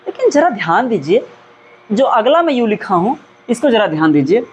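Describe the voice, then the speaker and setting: Very animated and a little fast, a high-voiced man with a breathy edge gives a grammar lesson on a lo-fi recording. He asks his class questions, answers them himself, and keeps repeating key words to drive them home.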